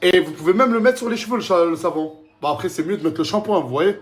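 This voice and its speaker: High-voiced man talking street slang. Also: fast. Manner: French suburban street slang, excitable and familiar. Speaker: vlogger and product promoter. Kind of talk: casual vlog chat and product pitch.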